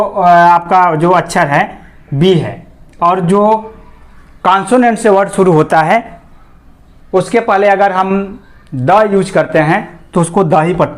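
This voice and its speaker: Male grammar teacher, high pitch, patient step-by-step explainer who reads examples word by word. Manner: repeats questions to students and answers them himself. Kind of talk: explanatory classroom lesson.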